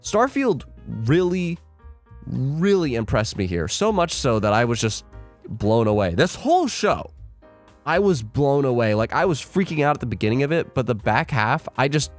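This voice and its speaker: A man's voice: a little high, no room sound, studio quality. A man talking as a gaming vlogger, giving casual, opinionated commentary to viewers in a rambling, conversational way. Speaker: gaming vlogger, channel host.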